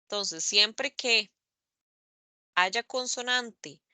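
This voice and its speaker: Slow, bright-voiced woman teaching English. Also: on the high side, no room sound. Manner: slow, careful, spells out letters and repeats examples. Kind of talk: online class explaining grammar. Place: online meeting recording.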